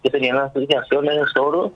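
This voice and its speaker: Interviewed on the radio, a sign language interpreter from Paraguay explains things earnestly, full of fillers and restarts. His medium-pitched voice is flat and fast, and the sound quality is lo-fi.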